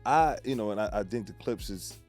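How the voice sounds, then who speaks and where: A male interviewer with a Midwestern accent and a dark, mellow, lowish voice. He keeps things casual and conversational, chiming in with frequent agreement, and faint music plays underneath. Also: animated, brisk. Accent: Midwestern American.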